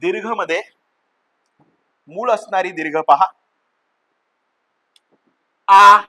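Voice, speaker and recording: A man's voice: high-pitched, drawn-out words, sharp tone. A man teaching a grammar lesson like a classroom teacher, chanting the letters one by one and asking questions he answers himself. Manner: chanting the vowels one by one, addressing students as children.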